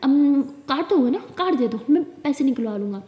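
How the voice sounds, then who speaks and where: A woman's voice: high voice, lively intonation, moderate pace, muffled recording. A woman voicing a rude male chauffeur who scolds bluntly. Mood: scolding. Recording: echoey room with long reverb.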